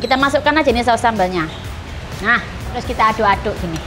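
A woman hosts an eating show in a high voice. She chats to viewers playfully, exclaiming as she eats spicy soup and meatballs. Loud music plays under her talk. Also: lively intonation, quick pace. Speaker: food vlogger host. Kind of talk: mukbang vlog chat to viewers. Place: small eatery, indoors.

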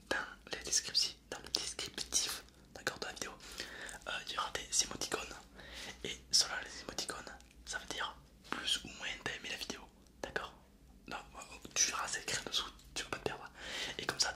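Young man in a bright whisper. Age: young adult. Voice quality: soft unvoiced library-style whisper. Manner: informal, chatty, addresses viewers directly. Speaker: ASMR video host. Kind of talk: whispered ASMR chat. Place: small indoor setup. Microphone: close binaural ear-shaped microphone.

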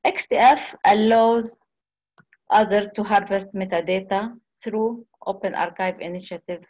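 A woman giving a conference presentation on a video call, speaking haltingly with frequent restarts and pauses. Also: medium pitch, steady tone, a little mellow, rough recording.

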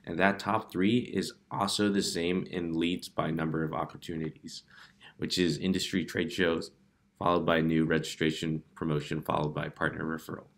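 A man with a very low, flat voice walks through a software demo in a casual, unhurried way, pausing on fillers as he goes. His tone stays even from one chart to the next. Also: creaky. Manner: relaxed, with frequent "uh" fillers. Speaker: presenter of analytics demo.

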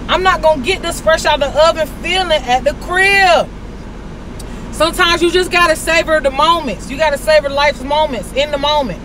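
A man's voice: very high voice, background noise. A young man vlogging while talking as he chews, profane and full of slang. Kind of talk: casual vlog. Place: in a parked car.

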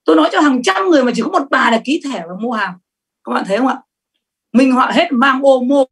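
High-voiced woman trainer. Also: quick pace, husky. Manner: lively, emphatic, asks the audience questions. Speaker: sales trainer. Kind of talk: seminar talk to an audience.

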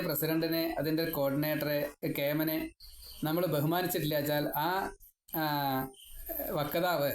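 A man teaches a devotional scripture lesson, chanting verses slowly and then explaining them in a rambling, personal manner. His voice sits a little high. The room is echoey, with faint ambient noise behind him. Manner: rambling, personal, wry asides. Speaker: Bhagavatam teacher.

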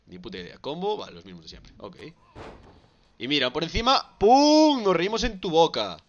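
A man with a Galician Spanish accent commentating his own gameplay on a live stream, excitable and prone to shouting and repeating words. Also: on the high side, brisk, dull audio. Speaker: gaming streamer.

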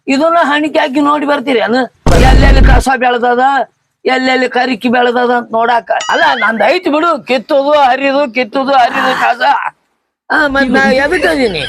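A man's voice: very high-pitched, noisy background. A man with a North Karnataka Kannada accent playing a grumbling farmer in a village comedy sketch, rambling and teasing.

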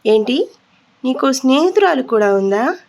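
A woman voicing a harsh, quick-tempered male prison jailer who questions sharply and with scorn. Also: high voice, sing-song, darkish tone, heavily acted. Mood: scornful.

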